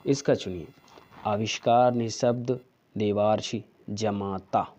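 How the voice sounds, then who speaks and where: A man teaching a spelling lesson for exam preparation, going slowly through each answer and checking in with "theek hai". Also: on the low side, fairly even intonation, darkish tone, lo-fi sound. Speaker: Hindi teacher.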